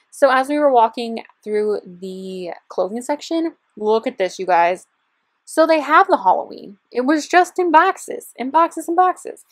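A woman's voice: a little high, no room sound. A young woman chatting in a bubbly, gushing way as a vlogger, talking over her shopping footage. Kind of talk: shopping vlog voiceover. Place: parked car.

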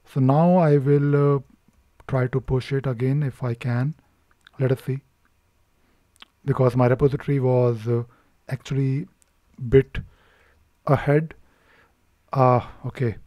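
A man's voice: mid-range voice, steady tone, a little slow, pauses often, no room sound, dull audio. Hesitant man talking through a screen tutorial. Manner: hesitant, many filler sounds and restarts while working on screen. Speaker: tutorial presenter. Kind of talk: unscripted screen-recording tutorial.

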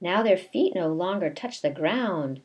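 A middle-aged kindergarten teacher with a low-pitched voice reads a picture book aloud for story time, deliberate and expressive, with asides to the children. She's indoors in a small bedroom at home, with slight background noise.

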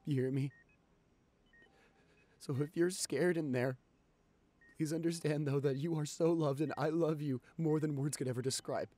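A young man voicing a caring, anxious boyfriend in an audio role-play, talking softly and reassuringly to his sick partner. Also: fairly high pitch, fairly even intonation, normal speed, long pauses, close to an everyday voice. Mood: tender. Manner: soft, soothing, reassuring. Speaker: voice actor reading a listener script.

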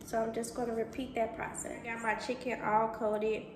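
Speaking at a moderate pace in a level tone, this young woman's voice runs on the high side as she guides her audience through a home cook-along, chatty and casual, addressing them as y'all and boo. She's a cooking vlogger filming indoors in her kitchen with the camera set at a distance on the counter. The room echoes, and background noise is easy to hear.

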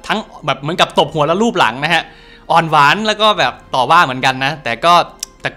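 Energetic, fast-talking male game commentator. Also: on the high side. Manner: chatty, energetic, swears casually. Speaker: let's-play host. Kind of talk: casual game commentary translating dialogue.

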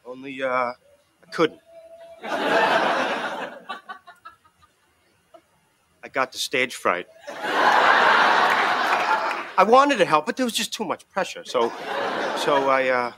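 A man's voice: on the high side, very animated, normal speed. An actor playing a goofy, blunt young man in a sitcom, talking with his friends. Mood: confessing. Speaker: sitcom character. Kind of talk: sitcom acting. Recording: noisy TV audio with laugh track.

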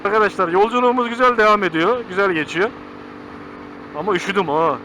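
A Turkish motorcycle vlogger chats to viewers from inside his helmet while riding outdoors, his commentary casual, colloquial and full of slang. He speaks fast in a high, bright, forceful voice, and the helmet mic picks up a lot of noise.

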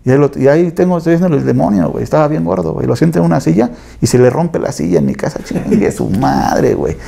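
A man's voice: on the high side, rapid-fire, gravelly, dark tone. A man with a Mexican accent telling stories in a casual interview, slangy and acting out other people's voices. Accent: Mexican, Mexico City area. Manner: slangy, acts out quoted voices, frequent tag questions. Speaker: tattoo artist interviewee.

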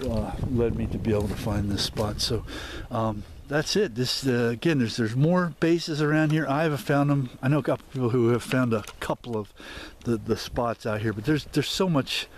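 This vlogger talks as he walks through dense woods, the audio caught on his handheld camera mic over a faint outdoor hiss. His middle-pitched narration rambles at a moderate pace, barely pausing, packed with fillers and restarts.

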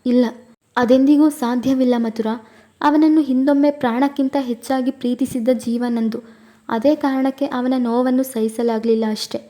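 A woman's voice: high voice, steady tone, normal speed, warm tone, lightly acted. A woman voicing a torn, tearful young woman doctor who pours out her anguish in an audio story. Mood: distraught.

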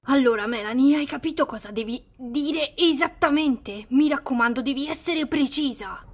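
Woman voicing a high-pitched, skeptical teen-girl doll in a doll story. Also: moderate pace, close to an everyday voice. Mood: instructing. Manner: wry, skeptical. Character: confident teen girl doll, competitive friend. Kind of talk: doll story role-play.

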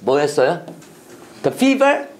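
Slow and sing-song, with a voice a little on the high side, a middle-aged man lectures a Bible and English class. He is emphatic and preachy, drilling phrases and leading the students in call-and-response repetition.

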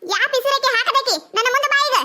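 Lady doing a squeaky bright cartoon village wife, north karnataka accent, rants and scolds nonstop fast. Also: full character voice. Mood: ranting. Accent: North Karnataka Kannada. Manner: shrill scolding rant. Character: loud quarrelsome young village wife. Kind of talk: cartoon voice acting.

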